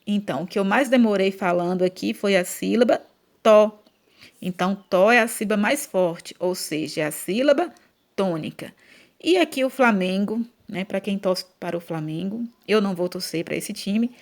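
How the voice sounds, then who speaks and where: A woman's voice: mid-range voice, moderate pace. A woman with a Brazilian Portuguese accent teaching a grammar lesson for children, speaking patiently and stretching out syllables when she chants example words.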